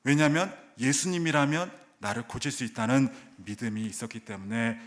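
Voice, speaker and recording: A middle-aged male pastor delivers a sermon in a church, at a mid-range pitch. He presses hard on key words and then drops to a soft, low hush. He slips into acted voices for the people in the story he tells. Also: fairly quick. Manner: emphatic preaching, swinging between loud calls and soft, low asides; acts out voices of crowd and characters. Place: church sanctuary.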